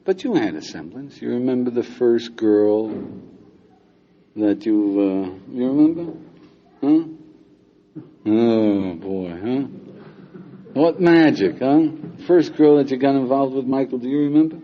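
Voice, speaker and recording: A man's voice: mid-range voice, lively intonation, a little slow, long pauses. An older man, a rabbi, teaching a class of young men in a conversational, teasing way, often stopping to ask his listeners questions. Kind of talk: informal lecture to students. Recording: dull lo-fi lecture recording with faint hiss.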